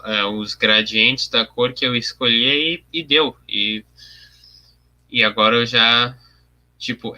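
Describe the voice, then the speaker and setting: With a medium-pitched voice that sounds pushed and bright, a young man talks through his coloring process on a livestream. He keeps things casual, reasoning aloud and replying to comments from viewers.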